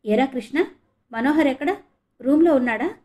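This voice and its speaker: A woman reading as a scheming young man with a sneering, needling way of talking, his voice a touch higher than the narrator's own. Heard in an audio novel reading, he lays on the mockery. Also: normal speed, mellow, close to an everyday voice. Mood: coaxing.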